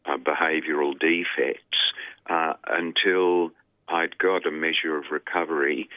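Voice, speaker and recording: Deep-voiced Australian man on a phone line. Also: fairly even intonation, dry recording. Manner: halting, many ums and uhs. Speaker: guest. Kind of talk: telling his life story on air. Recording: dry tinny phone line.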